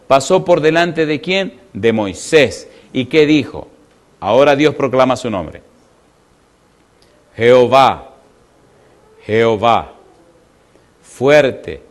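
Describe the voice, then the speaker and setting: A male preacher delivering an emphatic sermon in a fairly high voice. He keeps asking his listeners yes-or-no questions and drawing out the words he wants them to hear. His tone is earnest and moved. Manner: peppers the congregation with rhetorical questions; emphatic, slowing down to stress key words. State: emotional.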